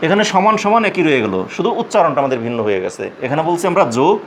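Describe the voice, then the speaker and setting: A man teaching a math class for young students, explaining step by step with many repeats, small pauses and check-in questions. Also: on the high side, sing-song, a little hiss or hum. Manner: patient, repetitive explaining with frequent fillers and questions.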